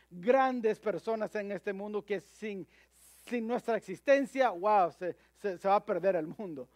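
High-voiced man preaching a sermon. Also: darkish tone, no room sound, studio quality. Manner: halting, with frequent repeated words and fillers.

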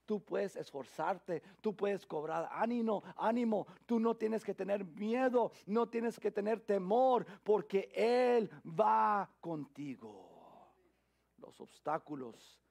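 A man with a high voice delivers a sermon as a middle-aged pastor. He drops from forceful emphasis to hushed, almost whispered lines, and often restarts and repeats his words. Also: gravelly. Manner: dramatic swings from loud emphasis to hushed near-whisper.

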